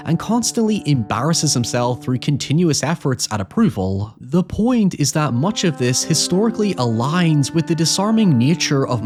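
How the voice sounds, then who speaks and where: A man delivers scripted video essay narration in a mid-range voice with animated, swooping intonation. He is articulate and analytical, with wry touches here and there. Guitar music plays clearly behind him. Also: mid-range voice. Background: background music with guitar.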